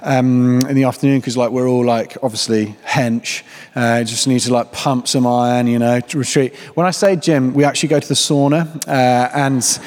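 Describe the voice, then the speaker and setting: A vicar giving a casual, joking sermon full of fillers and restarts. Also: male voice, mid-range voice, steady tone, moderate pace, a little mellow, long reverb tail. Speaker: Church of England vicar.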